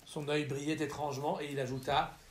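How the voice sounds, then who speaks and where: A man narrating a novel as an audiobook reader, telling the story in an expressive, ironic manner. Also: a little high, fairly quick.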